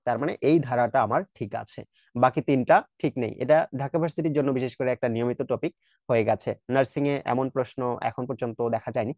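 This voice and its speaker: A man's voice: mid-range voice, fast, a little mellow, no echo. A man with a Bangladeshi Bengali accent teaching an exam prep lesson, explaining step by step, asking rhetorical checks, sounding out word pronunciations, and mixing English words into his speech.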